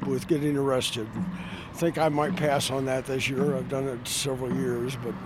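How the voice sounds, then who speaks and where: A man who is a protester giving a casual, halting interview outdoors by a road. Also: mid-range voice, flat delivery. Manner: halting, hesitant. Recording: clear outdoor traffic noise.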